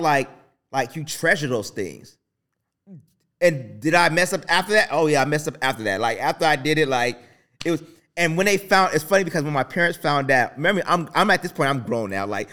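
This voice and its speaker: A man in his thirties hosting a faith talk show, telling personal stories in a casual, animated way with many restarts. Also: fairly high pitch. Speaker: podcast host.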